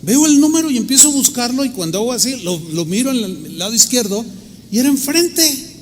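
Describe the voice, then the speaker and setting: A man's voice: very high-pitched, very animated, a little fast. Mexican pastor man preaching, tells stories, long echo and faint hiss behind. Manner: emphatic, acts out quoted voices. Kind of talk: storytelling sermon. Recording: reverberant hall, faint noise.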